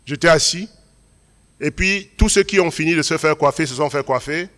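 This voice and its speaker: Male pastor, raised voice, preaching in a big echoing church hall, emphatic then quietly confiding. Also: fairly high pitch, moderate pace. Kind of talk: sermon. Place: large church hall at a Sunday service. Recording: long hall reverb.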